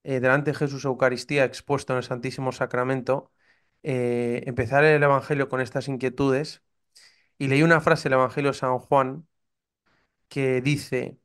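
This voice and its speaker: A podcast guest who is a priest in his thirties from Spain, with a Castilian accent, recounts his faith story in conversation, fervently and earnestly acting out his past doubts. His mid-range voice is a bit bright and smooth, with a flat delivery at normal speed.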